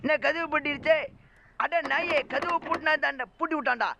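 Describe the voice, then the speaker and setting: A man giving comic gameplay commentary as a gaming YouTuber, excitable and mocking, full of exclamations. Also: extremely high pitch, fairly quick, gravelly, highs cut off, a little hiss or hum.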